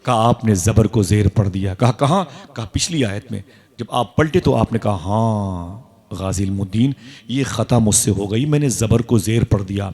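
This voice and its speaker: A man preaching a Urdu-language religious sermon with an Indian accent, telling a story dramatically at a live gathering with fervent exclamations and drawn-out sighs. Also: lowish voice, a little mellow, slightly rough.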